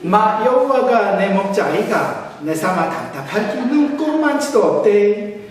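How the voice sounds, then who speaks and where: A man putting on a Gyeongsang dialect as a brash, hearty local, loud and emphatic. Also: sits high, big pitch swings, measured pace, pitched above the performer's own voice. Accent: Gyeongsang dialect, put on. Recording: echoey church hall, mic far off.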